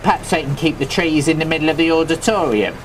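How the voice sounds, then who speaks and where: A man with a London Cockney accent playing a loveable, daft, thieving Cockney man in comedic gameplay commentary, rambling in chatty, absurd deadpan asides. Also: a little high, fast, noisy background, lightly acted. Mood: cheeky.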